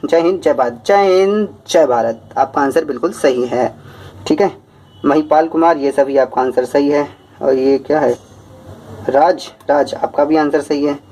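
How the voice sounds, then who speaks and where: Male teacher, lively and quick, out of breath, reading viewer comments in his class. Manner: lively, talks fast, rises in pitch.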